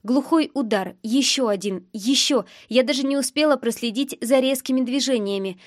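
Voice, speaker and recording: A woman's voice: high-pitched, moderate pace, no room sound, clean studio sound. Woman narrating a tense first-person novel. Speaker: audiobook narrator.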